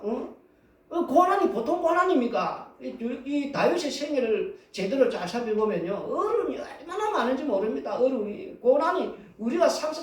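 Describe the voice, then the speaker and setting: A man's voice: extremely high pitch, distant mic. A male pastor preaching a Sunday sermon in a conversational style, full of rhetorical questions. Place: church sanctuary. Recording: roomy sound from off the mic.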